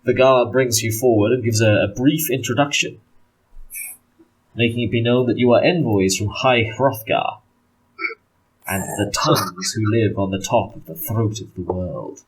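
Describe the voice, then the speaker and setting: A man narrating a tabletop roleplaying game as game master, deliberate, pausing between descriptive phrases. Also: on the low side, slightly rough, poor audio.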